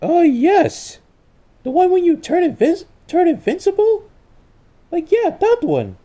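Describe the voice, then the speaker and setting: A woman's voice: extremely high pitch, very animated, unhurried, warm tone, heavily acted. A woman voicing an earnest, flustered male cartoon video game hero in an amateur comedic role-play, hesitant and exclaiming. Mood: puzzled.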